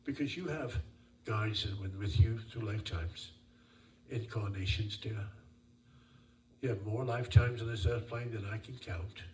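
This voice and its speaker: Casting: male seance medium, lowish voice, emphatic live readings with repeated phrases, distant roomy recording with faint noise. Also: a little mellow. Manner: addresses listeners as dear and sir, repeats phrases. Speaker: spirit medium.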